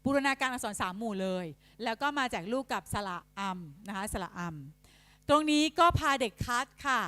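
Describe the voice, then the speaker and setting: Lively, higher-pitched woman trainer, dry sound. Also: no room sound. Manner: demonstrative, sounds out letters and syllables slowly; polite, frequent soft tag particles. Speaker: teacher trainer. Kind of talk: instructional talk to teachers.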